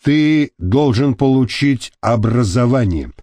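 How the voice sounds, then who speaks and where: Guy doing a gruff old prison boss, talks slow and heavy, sentimental streak. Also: medium pitch, expressive, dark tone, no echo. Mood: lecturing. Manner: slow, weighty, lecturing.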